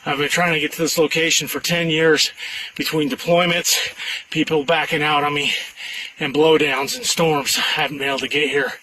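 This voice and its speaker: A man talks to his handheld camera on a forest hike, out of breath and excited, with a slightly higher voice. He sounds a little distant from the mic. Insects and running water fill the outdoor background. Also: slight background noise. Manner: excited, awestruck, pausing often. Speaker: hiker filming his own trip. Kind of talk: outdoor vlog narration. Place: outdoors on a forest trail by a creek.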